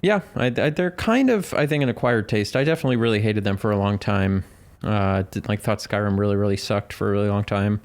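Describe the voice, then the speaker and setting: A man's voice: fairly low pitch, brisk. A man co-hosting a casual podcast, telling stories in a rambling, self-interrupting way. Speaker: podcast co-host.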